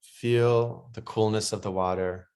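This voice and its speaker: Here a man walks listeners through breathwork meditation, his slow, comforting guidance fading softer and quieter in the relaxation passages. The voice is lowish, fairly even in intonation, and clear and resonant.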